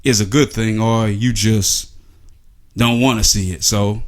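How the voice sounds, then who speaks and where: A man's voice: fairly low pitch, fairly even intonation, unhurried. A man delivering a casual, sarcastic opinion monologue, full of rhetorical questions and filler words. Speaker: sports commentary vlogger.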